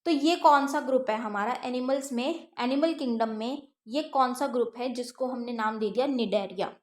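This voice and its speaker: A woman giving an exam-prep science lecture, reading textbook lines slowly and then explaining each one, asking herself questions and answering them. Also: fairly high pitch. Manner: explains step by step, asks and answers her own questions. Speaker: teacher.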